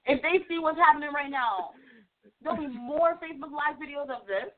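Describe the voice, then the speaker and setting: A woman joining a casual podcast discussion as a guest, speaking forcefully and with indignation. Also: sits high, a little fast. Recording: tinny phone-like audio.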